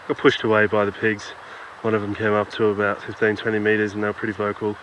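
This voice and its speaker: A man giving casual on-location commentary outdoors in a rainforest, halting and full of "uh" fillers. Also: fairly low pitch, completely flat delivery, muffled recording. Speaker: field presenter. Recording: outdoor field recording with noticeable background noise.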